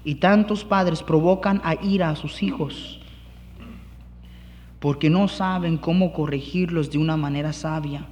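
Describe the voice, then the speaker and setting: A man's voice: fairly high pitch, steady tone, unhurried, darkish tone, in a large hall, a little hiss or hum. A male pastor preaching a sermon, acting out scenes and dropping in English words.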